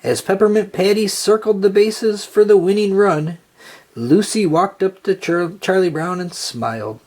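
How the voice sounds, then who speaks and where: A narrator reads a children's storybook aloud, deliberate and expressive in a storytelling style, using a mid-range voice.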